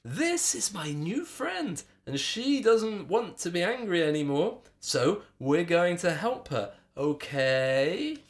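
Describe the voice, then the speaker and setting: A man's voice: fairly high pitch, sing-song, measured pace, voice pushed up. A man voicing a brave, determined young girl in a storybook reading, with an earnest manner. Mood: soothing. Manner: earnest, pleading then firm.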